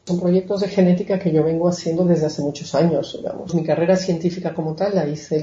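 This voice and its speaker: A woman's voice: low-pitched, dark tone, echoey room, muffled recording. A woman from Mexico, a genetics researcher, explaining her work in a conversational interview with frequent fillers. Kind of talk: interview answers.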